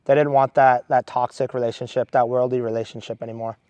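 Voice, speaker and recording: A man's voice: medium pitch, little pitch movement, fast, darkish tone, no room sound. A man in his twenties from Maryland, a seminarian earnestly telling a story with many restarts. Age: 20s. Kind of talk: casual storytelling.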